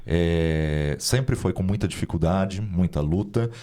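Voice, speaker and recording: Low-voiced pastor telling a testimony. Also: male voice, slow pace, mellow. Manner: earnest, narrative, with many "né?" tags. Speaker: pastor and guest speaker. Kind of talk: storytelling testimony in an interview.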